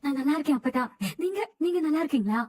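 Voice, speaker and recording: An actress playing an anxious young granddaughter in a television drama, speaking hesitantly and pleadingly. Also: female voice, high-pitched, expressive, quick pace, darkish tone. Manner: pleading, hesitant, repeating words. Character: young woman returning home, anxious and pleading.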